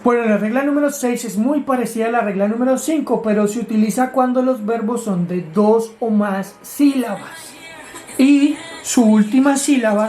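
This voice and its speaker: An English teacher with a mellow, mid-range voice teaches grammar. She patiently explains the rules step by step and asks her students questions.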